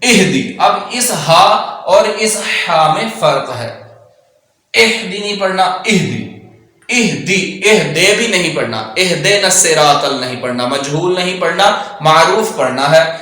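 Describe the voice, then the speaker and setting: A man teaching Quran recitation. He explains each rule quickly, then recites the verse slowly and draws it out. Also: a little high, expressive, sharp tone. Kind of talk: tajweed lesson. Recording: very echoey room.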